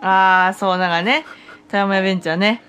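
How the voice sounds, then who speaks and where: A woman co-hosting a relaxed podcast in a Toyama dialect, chiming in often and laughing easily. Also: mid-range voice, normal speed, soft background music. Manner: frequent backchannel, easy laughter. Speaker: podcast co-host. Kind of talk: casual podcast chat.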